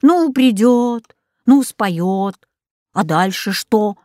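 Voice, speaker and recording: A woman's voice: medium pitch, expressive, very slow, darkish tone, no room sound, clean studio sound. Woman voicing a grumbling skeptical family dog. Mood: doubtful. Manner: doubtful, snorting retorts.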